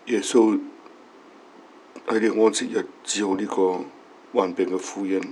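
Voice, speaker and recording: A man, a priest, giving a solemn, measured gospel reading and then a brief homily. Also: fairly low pitch, steady tone, dark tone, a little hiss or hum, rough recording.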